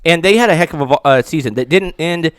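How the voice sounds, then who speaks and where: A man talks casual sports in a slightly high voice, recorded close and dry. His mouth is burning from spicy food, so he halts, stammers and struggles to get sentences out. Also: smooth, dry recording. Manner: halting, stammering. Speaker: sports editor, guest.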